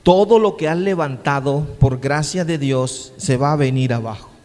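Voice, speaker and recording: Pastor guy preaching, high voice, big swings quiet to loud, long church reverb. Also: normal speed. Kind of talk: sermon. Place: church sanctuary.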